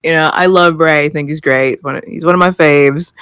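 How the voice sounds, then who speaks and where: Low-voiced woman chatting animatedly. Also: fairly quick, clear, resonant tone, no room sound. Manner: animated, laughs often, mimics reactions. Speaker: podcast co-host. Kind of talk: casual chat.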